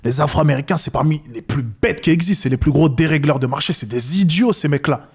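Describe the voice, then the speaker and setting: Man, fairly high voice, scornful reaction commentator, lecturing tone, mocks freely. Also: fast talker, breathy edge.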